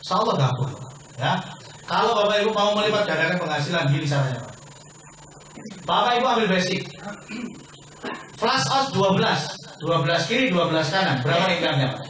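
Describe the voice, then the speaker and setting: Addressing his audience again and again as "Pak," a man pitches a business opportunity at a sales seminar, posing questions and answering them himself. His voice sits high and a bit bright, swinging widely in pitch, a little fast with frequent pauses. The far-off capture in a very echoey meeting hall carries some hiss or hum.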